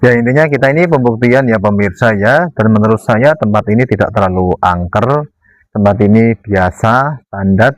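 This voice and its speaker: A man co-hosting a vlog, explaining casually in a halting, matter-of-fact way. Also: fairly low pitch, dry recording. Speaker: paranormal vlog co-host. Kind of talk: casual unscripted explanation to viewers.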